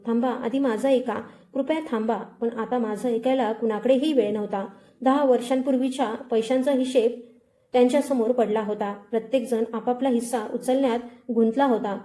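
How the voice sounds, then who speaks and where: Female storyteller, very mellow and dark in tone, slightly high pitch, measured dramatic narration of a suspense tale. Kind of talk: scripted first-person suspense narration.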